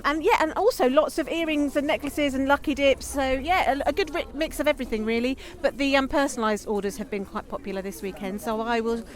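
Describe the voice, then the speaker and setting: Woman, slightly high voice, stall holder, gushing, chatty, filler-heavy. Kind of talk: casual interview. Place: busy indoor market tent.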